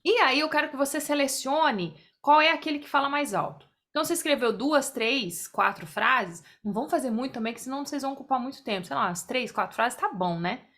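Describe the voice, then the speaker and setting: A woman's voice: high voice, quick pace, few pauses, a bit bright. A woman leads an online group exercise over a video call. She explains each step in turn and keeps checking that everyone follows. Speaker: workshop facilitator.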